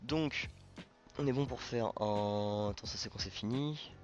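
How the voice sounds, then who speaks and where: A man's voice: lowish voice, measured pace, muffled recording, soft background music. A man hosting a programming tutorial, thinking aloud informally with many fillers and self-corrections. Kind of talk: casual coding screencast narration.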